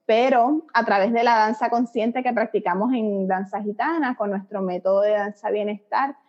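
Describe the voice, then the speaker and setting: A woman's voice: mid-range voice, normal speed, darkish tone. A middle-aged Puerto Rican woman, a psychologist guest, explaining her ideas in a reflective, conversational way with little fillers. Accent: Puerto Rican Spanish. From Puerto Rico. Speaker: guest, psychologist and dance method creator. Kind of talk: conversational interview. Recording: dull lo-fi audio.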